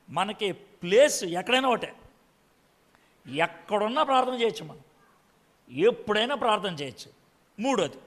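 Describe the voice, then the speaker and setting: A man's voice: extremely high pitch, a bit bright. A male pastor preaching a sermon, constantly firing rhetorical questions at the congregation and scolding them. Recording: long hall reverb.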